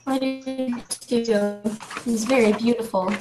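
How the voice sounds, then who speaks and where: A woman's voice: fairly high pitch, steady tone, takes it slowly. A teenage woman leading a casual book discussion on a video call, hesitant and full of fillers. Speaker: discussion leader. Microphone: laptop on a video call. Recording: noisy, glitchy video-call audio.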